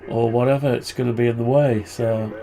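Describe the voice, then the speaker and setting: A man's voice: medium pitch, fairly even intonation, fairly quick, mellow. A man with a muffled, blocked-nose voice, tired and stuffed up with flu, rambling as he thinks aloud through a casual hobby tutorial. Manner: rambling, muttering to himself. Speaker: hobbyist presenter.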